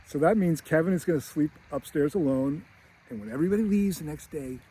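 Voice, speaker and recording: A man's voice: on the high side, brisk, warm tone, a little hiss or hum. A man teaching screenwriting, chatting casually and chuckling as he retells scenes. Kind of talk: casual film breakdown.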